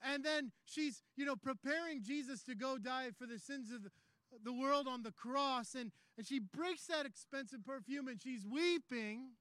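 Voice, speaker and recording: A man preaching a sermon, telling the story conversationally and building to shouted climaxes. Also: extremely high pitch, normal speed, no room sound. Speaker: pastor.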